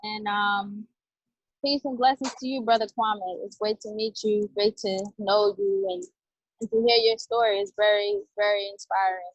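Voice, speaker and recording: A woman from Barbados asking a question on a webinar, offering greetings and pausing with fillers as she goes. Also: mid-range voice, fairly even intonation, dry recording. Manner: warm greetings, hesitant with fillers. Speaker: webinar participant. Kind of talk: video-call question. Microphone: video call. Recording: dry, dull video-call audio.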